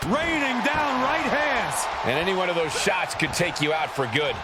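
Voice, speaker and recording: A man's voice: high-pitched, expressive, moderate pace. A man working as a wrestling commentator, calling play-by-play. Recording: loud arena crowd noise throughout. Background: roaring arena crowd.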